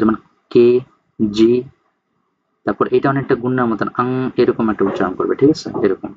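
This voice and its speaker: A male teacher gives a casual spoken lecture. He keeps checking in with his students and reads terms slowly before explaining them. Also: mid-range voice, lo-fi sound, a little hiss or hum. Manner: explains slowly, often checks in with "ঠিক আছে?".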